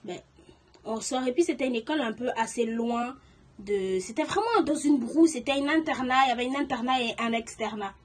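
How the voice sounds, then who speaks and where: Husky-voiced young woman telling a story. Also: on the high side, a little fast. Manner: chatty, full of slang and filler words; gets loud and animated when indignant. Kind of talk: casual storytime vlog.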